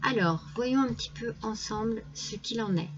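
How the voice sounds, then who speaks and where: A woman's voice: a little high, moderate pace, background noise. A woman giving a casual tarot reading to her viewers, chatty and hesitant, full of fillers and restarts. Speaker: tarot reader. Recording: dull lo-fi home recording.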